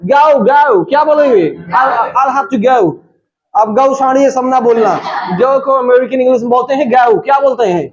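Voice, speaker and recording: A man teaching a spoken English class, shouting drill phrases and joking with his students. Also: very high voice, a little fast, muffled recording, some chatter behind.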